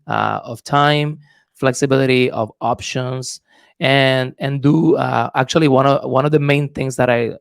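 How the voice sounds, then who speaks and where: Heard in studio-quality sound with no echo, this Puerto Rican real estate investor speaks with a Puerto Rican accent as a guest in a casual podcast interview. His voice is mid-range and gravelly, and he's reflective and hesitant, full of fillers.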